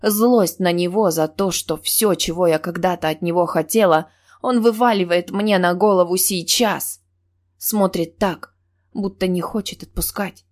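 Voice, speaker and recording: A woman's voice: fairly low pitch, a little slow. A woman reading a novel aloud in the first person, with a tense, emotional delivery. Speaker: audiobook narrator.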